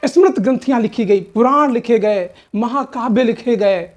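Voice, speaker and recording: A woman with a north Indian Hindi accent gives an exam-prep history lecture. Her voice sits a little high. She poses questions, answers them herself and repeats the key terms, often tagging on "theek hai na". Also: normal speed, darkish tone. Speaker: history teacher.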